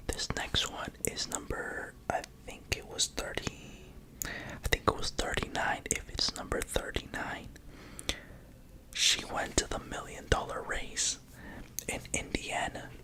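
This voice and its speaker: The voice is a soft, unvoiced whisper from start to end. It narrates in ASMR style, hushed and confiding, as though passing on a secret to the listener. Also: slow, long pauses, poor audio. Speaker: racing pigeon keeper presenting own birds.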